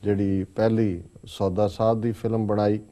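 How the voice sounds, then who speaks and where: A man giving deliberate, explanatory commentary on a talk show. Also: fairly low pitch, flat delivery, dark tone. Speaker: political commentator.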